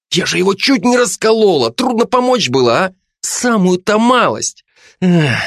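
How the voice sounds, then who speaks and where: A man voicing a brash, domineering female police investigator with a loud, scolding manner in an audiobook. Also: a little high, no echo, studio quality, voice pushed up, full character voice. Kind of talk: audiobook character voice.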